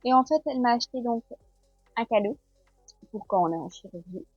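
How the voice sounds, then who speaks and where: A woman's voice: on the high side, fairly quick, darkish tone, breathy edge, no echo, highs cut off, faint music behind. A woman with a French accent in a casual home vlog, chatting as she unboxes gifts. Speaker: vlogger.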